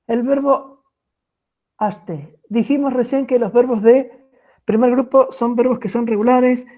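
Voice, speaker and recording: A woman with an Argentine Spanish accent teaching French grammar in an online class, patient and checking in with her students often. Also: on the high side. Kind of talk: online lecture explaining grammar. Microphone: video call. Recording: tinny phone-like video call audio.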